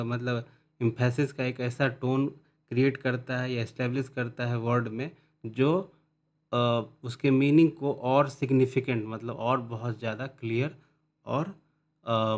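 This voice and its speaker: A man explaining English word stress in a lesson, mixing in English terms and reading definitions slowly and carefully. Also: medium pitch. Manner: mixes Hindi with English terms. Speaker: teacher.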